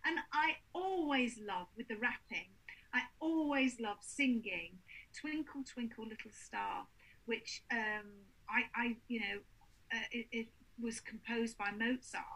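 A woman's voice: a little high, a little slow, breathy edge, poor audio. A woman, a paranormal investigator telling stories in casual chat and acting out the people she quotes. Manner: animated storyteller, acts out quotes.

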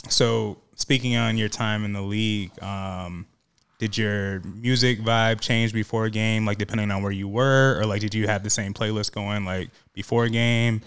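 A man with a smooth, fairly low voice co-hosts a casual chat. He asks questions and chimes in with short agreements. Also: steady tone, moderate pace, a bit bright. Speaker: podcast co-host.

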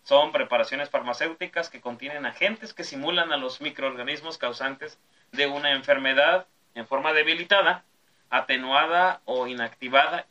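A man's voice: fairly high pitch, sharp tone, lo-fi sound. A man, hosting a podcast and reading history notes between jokes with his friends. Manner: reads steadily, breaks into laughs at jokes. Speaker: podcast host.

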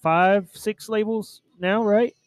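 A man chats casually about his brewery in a slightly high voice. He rambles and circles back on himself mid-sentence. The recording is dry and close, with no room sound. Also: steady tone, slow pace, no echo. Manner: rambling storyteller, stacks up restarts. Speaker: brewery co-owner. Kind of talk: casual chat.

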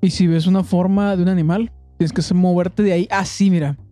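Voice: mid-range voice, steady tone, brisk, mellow, soft background music. A speaker with a Mexican Spanish accent telling a camping anecdote in a hesitant, casual way. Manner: hesitant, many restarts and fillers.

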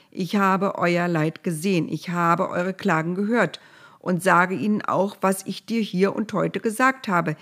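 A woman reading a storybook aloud, voicing God speaking from a fire in solemn, deliberate, repetitive proclamations. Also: mid-range voice.

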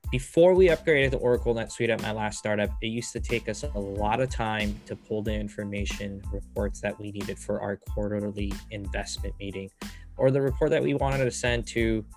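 A man with a low voice delivers a persuasive sponsor read. He stays upbeat and direct. Faint guitar music plays behind him. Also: moderate pace, a little mellow. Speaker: ad reader.

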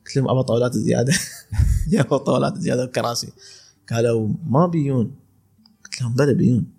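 A man's voice: medium pitch, rapid-fire, vocal fry, mellow, slightly rough. A man in his twenties with an Emirati accent, a calligrapher telling stories in casual podcast chat, laughing often and restarting his sentences. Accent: Emirati Arabic. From UAE, Khor Fakkan. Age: 20s. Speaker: calligrapher guest.

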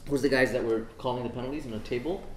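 Quick-talking man in an echoey room. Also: medium pitch, fairly even intonation, fairly bright tone, slight background noise. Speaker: cricket commentator and show host. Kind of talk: casual chat. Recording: roomy echo.

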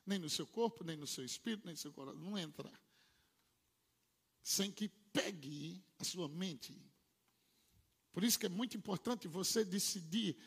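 A man preaching a sermon, swinging between low murmured asides and loud shouted proclamations. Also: normal speed, pauses often, breathy edge. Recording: long hall reverb.

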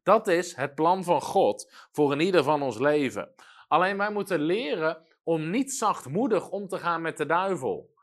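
A man preaching a sermon, his voice of middle pitch rising into forceful emphatic lines. Between the loud passages he drops into soft, quiet storytelling asides, so his delivery swings widely. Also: lively intonation, measured pace.

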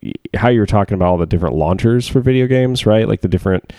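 A man with a very low, deep voice talks through a casual tech podcast. He rambles, leans on fillers and laughs often. The sound is close and dry. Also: very fast, mellow, no echo. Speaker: podcast co-host, tech worker. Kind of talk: casual chat.

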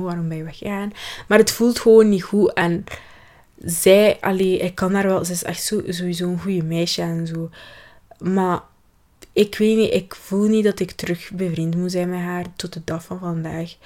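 A woman's voice: lowish voice, darkish tone. A young woman with a Flemish accent, hosting a personal podcast and talking through her year in a rambling way, often searching for words and restarting. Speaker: podcast host.

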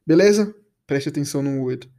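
Brazilian man, English teacher, chatty coaxing audio lesson, fairly high and warm voice. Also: lively intonation, normal speed. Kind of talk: casual podcast lesson.

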